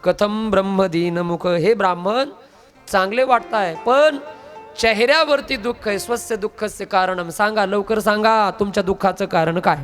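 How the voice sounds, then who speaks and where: A man's voice: high voice, normal speed, a bit bright, faint music behind. A preacher voicing a stern, all-knowing holy man. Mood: solemn. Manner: solemn, chants scripture verses.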